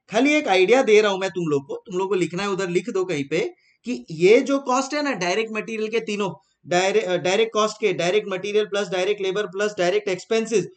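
A man's voice: high voice, fairly bright tone. A man with an Indian accent teaching a live online class, asking rhetorical questions and answering them himself and repeating key terms so students can note them down.

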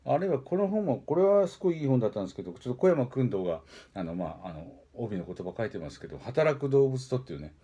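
A man hosting a weekly book-introduction stream, rambling casually with frequent filler pauses and self-corrections. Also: mid-range voice, big pitch swings, mellow, husky, muffled recording. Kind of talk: casual spoken book review.

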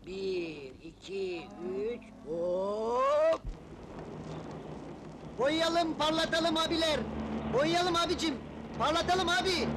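A brash young street hustler who mocks and hawks loudly in a very high, youthful voice. It is dubbed old-film acting, with hiss over the soundtrack. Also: male voice, heavily acted. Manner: mocking, brash street patter.

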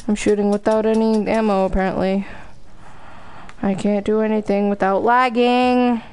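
A woman chats casually while playing a co-op game. She has a hyped gamer bro manner, full of slang. Her voice sits at a middling pitch. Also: little pitch movement, moderate pace, a little mellow, clean tone. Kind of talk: casual gaming chat.

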